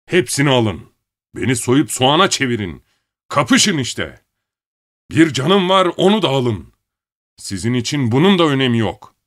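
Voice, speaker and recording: A man voicing a furious, bullying middle-aged father who shouts at his family. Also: mid-range voice, sing-song, a little slow, pauses often, dry recording, studio quality, pitched above the performer's own voice. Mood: raging. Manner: shouting, raging.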